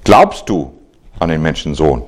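A man reading the words of Jesus slowly and deliberately. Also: extremely low pitch, big pitch swings, breathy edge, heavily acted. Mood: solemn. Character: Jesus, calm authoritative male teacher.

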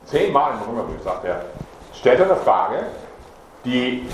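A man preaching a Bible teaching sermon, explaining slowly with many pauses and fillers and stressing key words. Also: mid-range voice, very animated. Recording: echoey room with background noise.

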